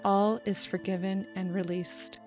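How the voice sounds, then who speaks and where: Podcast host, woman, middle-range pitch; steady, measured guided meditation with gentle pauses and soft music behind.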